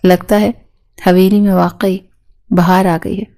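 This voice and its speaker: A warm middle-aged mother and grandmother from a storybook, as read by a woman. Her gentle lines stay level, with a soft, dark tone. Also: medium pitch, level tone, lightly acted.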